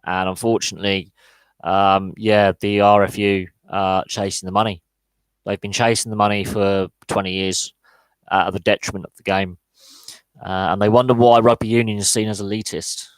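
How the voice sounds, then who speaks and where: A man with a clean, fairly low voice speaks at normal speed with little pitch movement, captured in a dry, rough recording. He hosts a live podcast Q&A, answering chat and voicing strong opinions amid frequent fillers, repeated words, and restarts.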